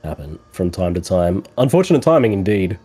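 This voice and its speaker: A man with a scratchy voice from a cold, commentating an esports race in a measured, analytical way with some fillers. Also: low voice, big pitch swings, dark tone, slightly rough.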